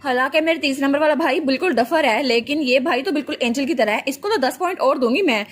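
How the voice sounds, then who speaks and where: A woman's voice: sits high, fast, natural voice. A woman voicing a cheerful little girl, the daughter of a noble house, in a comic story recap. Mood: sweet.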